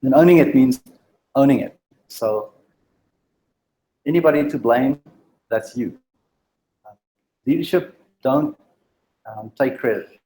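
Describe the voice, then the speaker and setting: At a leadership meetup, a man speaks directly and exhortingly to a live audience in an informal talk, stuttering with many ums and restarts. His voice is medium-pitched and mellow with lively intonation. The recording is low quality, with a little hiss or hum.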